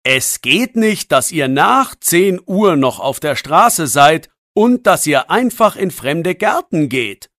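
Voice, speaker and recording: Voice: big pitch swings, takes it slowly, few pauses, fairly bright tone, no room sound. Older man, hearty laugh, firm narrator-voiced, dry mic. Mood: stern. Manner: hearty booming laughter, chuckling while talking. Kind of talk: audiobook role voice.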